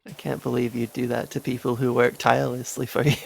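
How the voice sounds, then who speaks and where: A man's voice: mid-range voice, fairly even intonation, normal speed, gravelly, a little mellow, breathy edge. A man chatting casually during a game stream, laughing often and rambling through asides. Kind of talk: casual gameplay chat.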